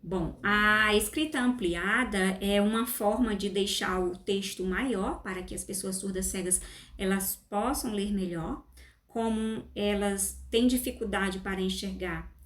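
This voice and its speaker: A woman's voice: medium pitch, unhurried, a bit bright. A woman giving a careful, explanatory class presentation. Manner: careful, explanatory, with small restarts. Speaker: student presenter. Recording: echoey room.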